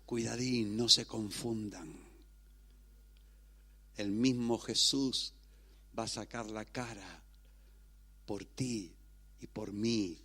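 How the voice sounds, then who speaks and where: A middle-aged male pastor preaching a sermon dramatically, acting out voices and moving between shouting and near-whispers. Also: fairly low pitch, husky.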